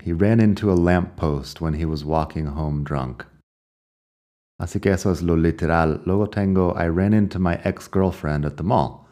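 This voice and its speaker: A man with a very deep voice teaches English at an unhurried pace. He reads his English examples twice in an American accent and explains them patiently. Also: dark tone. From United States. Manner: explains phrases slowly, reading each English example twice. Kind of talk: language lesson narration.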